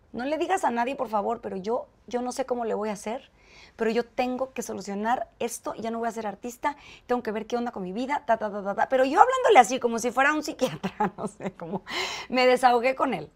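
A woman with a Mexican accent, a guest in an interview, telling a personal story and acting out the dialogue. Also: a little high. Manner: animated, acts out quoted dialogue. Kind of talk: conversational storytelling.

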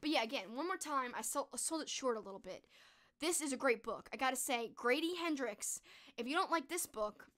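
This book-and-movie streamer is a woman with a high, hoarse, croaky voice that sounds strained as she loses it, yet she stays expressive, fairly quick and a bit bright. Her casual chat is enthusiastic and full of "like." A large studio microphone sits close in front of her in a small poster-covered bedroom.

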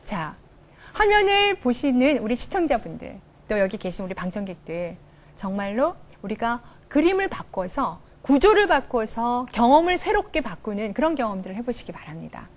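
A middle-aged woman lectures on coaching in front of a studio audience, her voice bright and high. She swings up and down through her pitch and slips into quick character voices for little scenes. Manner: animated, acts out little dialogues in changing voices. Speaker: professor giving a coaching lecture. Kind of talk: televised lecture.

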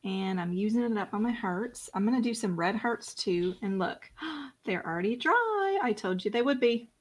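A woman's voice: on the high side, lively intonation, moderate pace. A woman running a casual live-stream painting lesson, chatting and talking to herself as she works. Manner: chatty, self-talking while working. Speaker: painting instructor.

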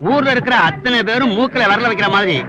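A gruff, stubborn bride's father. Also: very high voice, quick pace, dull audio. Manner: gruff, bossy, dismissive. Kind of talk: Tamil film comedy acting.

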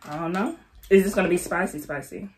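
A woman's voice: fairly low pitch, fast talker, slight background noise. A young woman co-hosting an eating video, chatting casually between bites and telling rambling little stories. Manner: chatty, trailing storyteller with frequent laughs. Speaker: co-host of an eating channel. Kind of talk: casual mukbang chat while eating.

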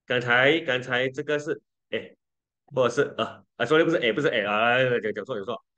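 A man's voice: mid-range voice, fairly quick, fairly bright tone, muffled recording. A man teaching an English lesson in a playful way, switching between languages and repeating words for learners to copy.

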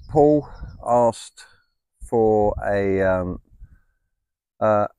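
A man's voice: on the low side, a little mellow, dry recording. A man chatting casually through a vlog outdoors in the countryside, rambling with lots of ums. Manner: rambling, many ums and essentially. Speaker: vlogger. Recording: outdoor recording with clear background noise.

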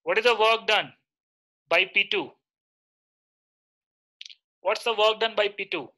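A man's voice: high-pitched, measured pace, bright, forceful tone. A man in his thirties with an Indian accent, teaching a live online lecture and often checking in with short questions.

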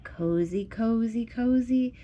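The recording is muffled. A woman with a mellow, slightly high voice takes her time reading a picture book aloud to a small child, sitting on a blanket indoors at home and using an encouraging, sing-song style with simple repetitions.

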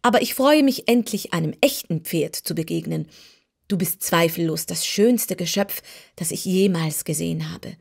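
A woman's voice: on the low side, moderate pace, vocal fry, darkish tone, slightly rough. Woman doing a polite wooden sawhorse. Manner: earnest, polite. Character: living wooden sawhorse, modest yet proud.

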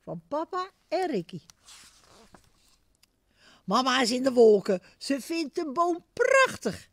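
A woman reading a Christmas picture book aloud to children, expressive and speaking to them directly. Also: sits high, takes it slowly, no echo, clean studio sound. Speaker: storyteller.

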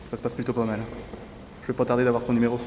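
A man's voice: mid-range voice, completely flat delivery, racing, darkish tone, lightly acted. A young man playing a complaining, boastful crew member on a film set. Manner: complaining, cocky. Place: large warehouse film set. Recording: echoey hall with faint noise.

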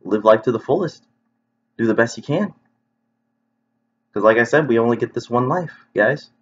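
A man talking earnestly to viewers from home in a halting, reflective vlog monologue, often restarting his sentences. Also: medium pitch, animated, a little hiss or hum. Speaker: video creator. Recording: dull lo-fi recording.

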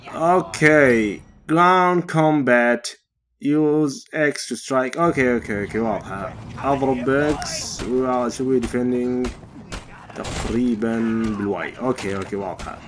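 A man's voice: medium pitch, normal speed, a bit bright, slight background noise. A man giving casual let's-play commentary and explaining each step to his viewers. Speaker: gamer.

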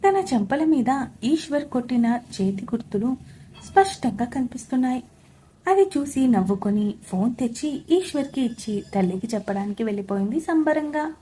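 A woman narrating a scripted audio story with a steady, expressive reading. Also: a little high, moderate pace, slight background noise.

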